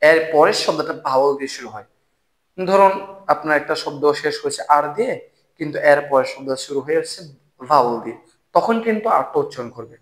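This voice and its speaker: A man's voice: a little high, fairly bright tone. Man teaching English sounds in an echoey room. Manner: repeats each example word slowly three times and asks viewers to repeat; encouraging, clear teaching delivery. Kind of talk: phonics lesson, explaining in Bengali with English example words.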